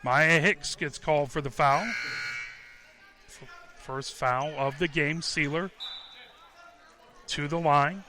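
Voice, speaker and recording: Bright-voiced man calling basketball courtside. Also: on the high side, fairly even intonation, slight background noise. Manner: rapid, clipped calls that rise sharply on made baskets. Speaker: radio play-by-play announcer. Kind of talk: live basketball play-by-play commentary. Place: courtside at a high school gym.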